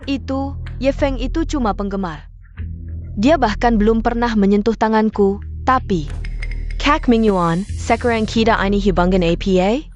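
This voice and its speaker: A woman's voice: on the high side, unhurried, a little mellow, faint music behind, close to an everyday voice. A woman dubbing a materialistic young woman who is cloying to her lover and spiteful about her ex. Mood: sugary. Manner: cloying sweetness, sneering in asides. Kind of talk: dubbed drama acting.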